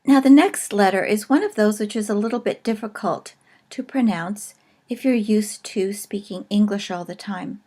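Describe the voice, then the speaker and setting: A woman teaching in a recorded video lesson, explaining slowly and carefully with pauses. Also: mid-range voice, mellow.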